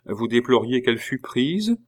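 A man voicing a calm, ironic king in an audiobook reading, humming and drawling before his lines. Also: mid-range voice, moderate pace. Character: King Louis XVI, calm, dry, ironic middle-aged man.

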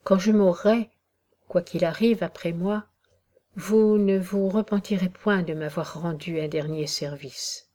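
A sad, proud noblewoman past her youth speaks in a gloomy, resigned tone, as a woman reads her in an audiobook. The voice is soft and mellow, with a warm, dark color. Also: fairly low pitch, fairly even intonation, unhurried, lightly acted. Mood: weary. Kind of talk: audiobook reading of a classic novel.

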